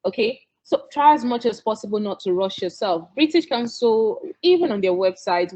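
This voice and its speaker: A Nigerian woman who speaks Yoruba as her first language tutors listeners through an earnest exam-prep lesson, coaxing them along and checking in with "okay?". Her mid-range voice is a little mellow, and the sound is lo-fi.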